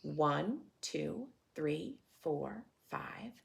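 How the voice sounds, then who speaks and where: Speaking in a deep, gravelly voice, extremely slowly yet animated, a woman hosts a preschool read-aloud. She reads a picture book dramatically and expressively, tossing in simple teaching questions and explanations.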